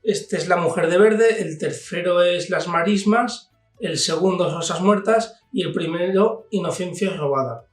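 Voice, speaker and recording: A man with a high-pitched voice and a Spanish accent from Spain gives an informal book review as a channel host, speaking at a moderate pace. The recording is echoey, with a distant mic and music in the background.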